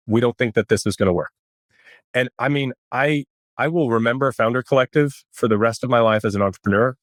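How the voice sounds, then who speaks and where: A man's voice: lowish voice, dry recording. A man speaking as a startup founder in a candid, casual interview, with a tech-bro manner heavy on venture jargon.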